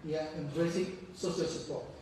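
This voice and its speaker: Teaching an informal study circle on religion, a high-pitched man often stalls mid-sentence while hunting for a word. When he tells stories he performs the quotes in animated voices, heard from far off in a resonant mosque hall with light hiss.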